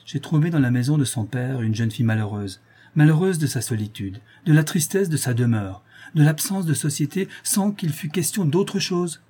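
A man's voice: a little high, lively intonation, normal speed, warm tone, husky. A man reading the part of an indignant male opera singer, declamatory in his protest.

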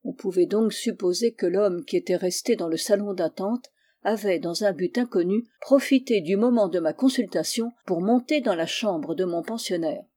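Mellow-voiced woman narrating a story. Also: medium pitch, moderate pace. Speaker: audiobook reader. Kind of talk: scripted narration.

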